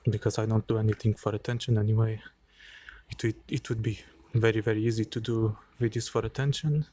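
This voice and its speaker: A vlogger records an unedited late-night vlog outdoors on a handheld phone, cold and shivering a little. He speaks quietly and hesitantly with many pauses and fillers, his voice on the low side with little pitch movement.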